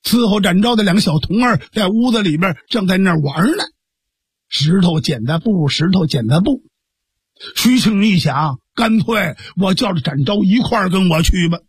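High-voiced male traditional storyteller. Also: lively intonation, moderate pace, breathy edge, no echo.

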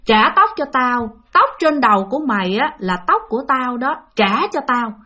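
A woman voicing a young vengeful female ghost, chanting a slow, repeated demand. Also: fairly high pitch, very animated, sharp tone, heavily acted. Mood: menacing demand.

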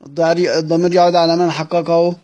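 Egyptian man, fairly high voice, teacher who explains a text line by line and keeps quizzing the class. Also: little pitch movement, fast talker, darkish tone, dull audio. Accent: Egyptian Arabic. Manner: repeats phrases, quizzes his listeners. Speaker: teacher of Quranic recitation. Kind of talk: recorded lesson reading and explaining a text.

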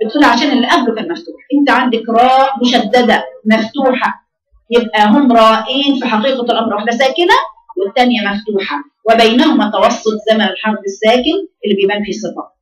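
Fast-talking Egyptian woman teacher, echoey room. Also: fairly high pitch. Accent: Egyptian Arabic. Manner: scolding, drills students by repeating sounds. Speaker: Quran recitation teacher. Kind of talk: classroom lesson on tajweed. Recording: roomy echo, voice from far off.

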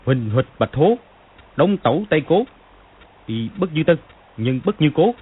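A woman voicing a proud young male swordsman in an audiobook reading, chanting verse in a dismissive, husky voice. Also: low-pitched, very animated, measured pace, narrow, tinny audio, pitched below the performer's own voice, exaggerated voice.

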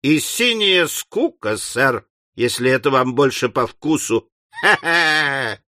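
A man's voice: mid-range voice, expressive, bright, forceful tone, no echo, clean studio sound. A man voicing a scornful, mocking male newspaper editor who draws out his taunts, in an audiobook. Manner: sneering, drawn-out taunts.

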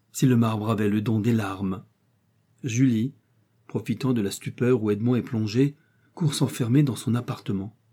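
Brief: male audiobook narrator, measured and expressive, very dark timbre. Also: mid-range voice, breathy edge. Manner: measured, expressive literary reading. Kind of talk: audiobook narration of a classic novella.

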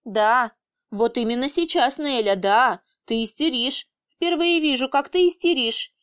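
A woman voicing a calm, mocking male boss who is stuck in a woman's body, with a teasing, unflappable manner. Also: sits high, a little slow, clear, resonant tone, voice pushed up. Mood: reasoning.

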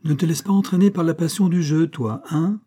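A man's voice: fairly high pitch, brisk, mellow, husky, pitched above the performer's own voice. A man voicing an elderly father who warns his grown son. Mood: cautioning. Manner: fatherly, cautioning. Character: old retired father, advising his son.

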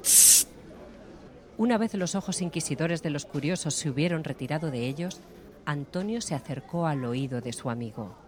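A man narrating an audiobook in a steady, measured storytelling voice. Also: on the high side. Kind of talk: scripted narration.

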